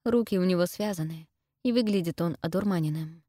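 A young adult woman narrating a first-person story as an audiobook reader, in a steady, measured way. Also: fairly low pitch, dry recording, studio quality.

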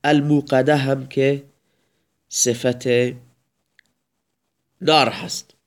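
A man's voice: medium pitch, flat delivery. A man teaching Arabic grammar in a recorded lecture, explaining step by step and reciting examples in a raised voice.

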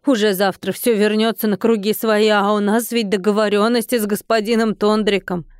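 A woman's voice: mid-range voice, little pitch movement, moderate pace, clean tone, no room sound, studio quality, close to an everyday voice. A woman voicing an earnest, emotional middle-aged woman innkeeper in an audiobook. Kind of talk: audiobook character reading.

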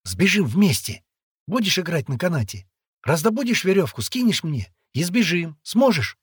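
A man's voice: fairly high pitch, big pitch swings, normal speed, breathy edge, no echo, clean studio sound, pitched above the performer's own voice. A man doing a hot-headed captive boy. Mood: agitated. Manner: hissing, blurting out in agitation.

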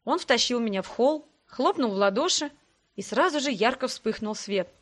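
Audiobook narrator, woman, fairly high voice, animated and wryly amused first-person fantasy reading. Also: normal speed. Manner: lively, wry storytelling.

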